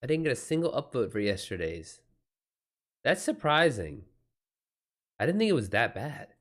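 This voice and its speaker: On a relaxed livestream, a man who writes books tells anecdotes in a medium-pitched, sing-song voice with a fairly bright tone at normal speed. He wanders from point to point, swears freely and uses slang, acting out past exchanges line by line in quotes.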